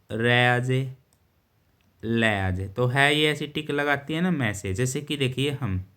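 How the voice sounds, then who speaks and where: A man teaching shorthand, explaining step by step in a patient way and often pausing to check understanding. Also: mid-range voice, a bit bright. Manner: patient, repeats words and checks with "theek hai". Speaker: steno teacher. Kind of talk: explaining a lesson while writing.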